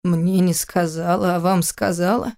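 A woman's voice: on the low side, fairly even intonation, unhurried, creaky, a little mellow. A woman reading an audiobook voices a young husband in her own plain, questioning voice. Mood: puzzled. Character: young husband, tender then demanding.

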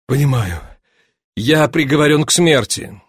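A man's voice: a little high, animated, unhurried, slightly rough, dry recording, clean studio sound, heavily acted. A man reading an audiobook, voicing a panicked middle-aged banker who pleads in frightened, rising outcries.

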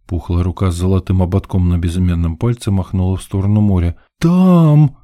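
A man's voice: deep voice, little pitch movement, quick pace, warm tone, no room sound, clean studio sound. A man narrating an audiobook in a wry, ironic first-person style.

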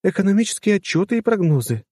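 Haughty young princess, insistent, mellow dark tone, played by a male narrator. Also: high voice, very animated, quick pace, no echo, studio quality, voice pushed up. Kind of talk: audiobook narration.

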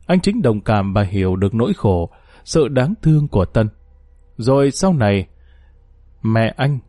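A man's voice: mid-range voice, dark tone, no echo, clean studio sound. A man narrating a ghost story in a scripted reading, giving the characters small acted shifts.

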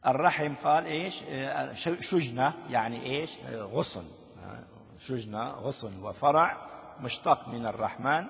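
Older sheikh teaching with gravelly voice. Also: male voice, mid-range voice, fairly bright tone. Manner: explains slowly, quizzes listeners with rhetorical questions. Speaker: sheikh teaching a hadith text. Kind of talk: classroom commentary on a classical text. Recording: lo-fi recording with long reverb in a hall.

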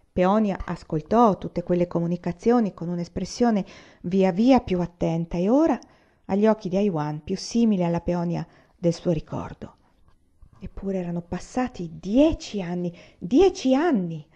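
Mellow woman reading a novel aloud. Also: mid-range voice, highs cut off. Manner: calm, measured storytelling. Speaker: reader. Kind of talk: audiobook narration.

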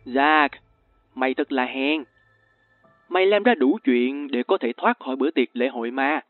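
A man's voice: mid-range voice, normal speed, dry recording, close to an everyday voice. A man voicing a dismissive, teasing teenage boy in an audiobook story. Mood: mocking. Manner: casual, teasing. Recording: tinny lo-fi with faint music.

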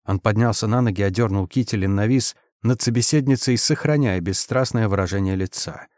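Low-voiced man reading an audiobook. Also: a little fast, a little mellow, no room sound, studio quality. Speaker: audiobook reader. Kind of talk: scripted narration.

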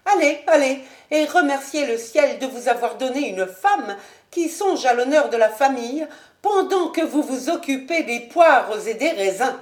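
A woman's voice: high voice, lively intonation, normal speed, pitched above the performer's own voice. A woman voicing a proud, imperious noblewoman who speaks sharply and with disdain, in a roomy recording. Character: haughty proud noblewoman, imperious lady of the house.

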